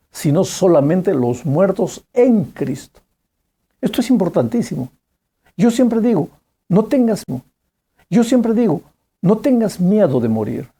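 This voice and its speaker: A preacher giving a sermon, telling a story with lively emphasis, repeating phrases and asking the listener direct questions. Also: mid-range voice, husky.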